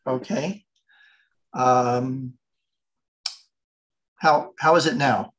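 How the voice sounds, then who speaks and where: A man explains things step by step over a video call, often pausing on "uh" and "um." His connection keeps dropping, so his words come through choppy and cut off at the ends. His voice sits at a middling pitch for a man. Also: fairly bright tone, rough recording. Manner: patient, explaining step by step with frequent fillers. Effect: choppy audio cutting out on an online call. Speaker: guest speaker presenting to an online audience. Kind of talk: explanatory science talk.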